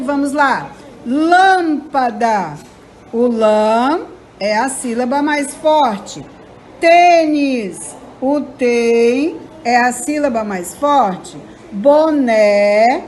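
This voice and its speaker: A woman teacher with a Brazilian accent giving a recorded lesson, speaking clearly and spelling out syllables with emphasis. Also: sits high, a little hiss or hum. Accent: Brazilian Portuguese. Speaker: primary school teacher.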